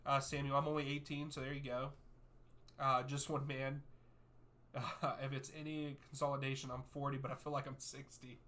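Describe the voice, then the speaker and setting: A man's voice: mid-range voice, level tone, normal speed, fairly bright tone. A man in his thirties hosting a live soccer watchalong stream, reading viewer names and answering their questions in an easygoing way. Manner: easygoing, reads out chat names and answers at length.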